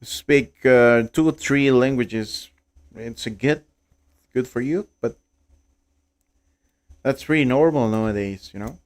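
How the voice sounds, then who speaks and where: A young Costa Rican man who speaks Spanish natively, hosting a live trading stream in halting English, with many repeated words and restarts. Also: medium pitch. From Costa Rica. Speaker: livestream trading host. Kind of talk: casual live-stream chat.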